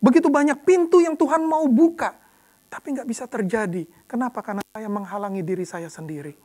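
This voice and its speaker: A woman deacon preaching a sermon in a conversational way, often adding "ya" and repeating words for emphasis, moving between soft low passages and loud emphatic ones. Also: a little fast.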